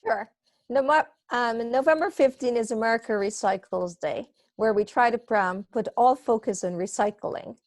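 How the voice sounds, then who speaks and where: A woman's voice: fairly high pitch, moderate pace, dry recording. A middle-aged woman from Guyana, a guest talking about recycling in a friendly, chatty way on a live video call.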